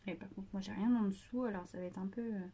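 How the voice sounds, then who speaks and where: A woman's voice: mid-range voice, fairly even intonation, quick pace, dark tone, slight background noise. A woman hosting a casual scrapbooking tutorial, chatty and hesitant with many fillers, joking about herself.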